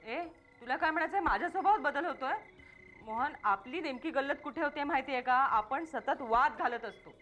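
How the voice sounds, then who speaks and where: A woman's voice: high voice, fairly quick, fairly bright tone, lo-fi sound, faint music behind. An actress playing a chatty, emotional wife who nags and argues with her husband, in a TV serial. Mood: arguing. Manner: nagging and playful, turns tearful. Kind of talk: TV serial acting.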